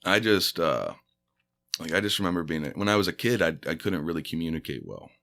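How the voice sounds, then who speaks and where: Sitting low in pitch, this man's slightly bright voice has vocal fry and a sing-song lilt, moving a little fast. A stand-up comedian who spoke Spanish first, he rambles easily as a podcast guest, with plenty of fillers and false starts in the casual chat.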